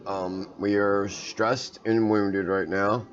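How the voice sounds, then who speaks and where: A man's voice: fairly low pitch, flat delivery, slow, lo-fi sound. A man hosting a strategy game video, talking casually and rambling with many fillers and hesitations. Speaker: gaming video host. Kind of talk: casual let's-play commentary.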